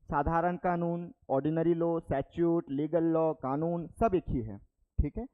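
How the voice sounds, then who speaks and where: Here a young man lectures a classroom in a fairly high, steady, smooth voice at an unhurried pace, captured in narrow, tinny audio. Each point is explained step by step with repeated terms, followed by a check-in of "ठीक है".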